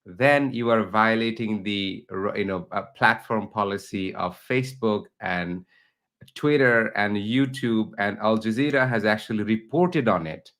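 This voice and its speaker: A man's voice: fairly low pitch, measured pace, fairly bright tone. A middle-aged man from Bangladesh, a teacher and researcher, interviewing a guest online with long, earnest questions. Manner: earnest, builds up long questions, rising emphasis.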